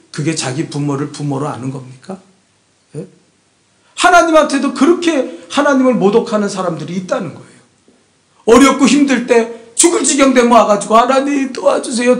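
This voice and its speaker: A male pastor preaches a sermon in a high, lively voice that leaps up and down. He moves from loud exhortation to hushed asides and keeps prodding his flock with questions. The church room around him rings with echo. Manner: emphatic, keeps prodding the congregation with rhetorical questions. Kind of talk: Sunday sermon. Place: church sanctuary.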